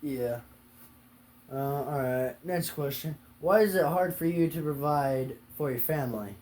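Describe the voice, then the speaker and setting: A man's voice: fairly high pitch, measured pace, a little mellow, a little hiss or hum. A man asking short interview questions and giving brief acknowledgements.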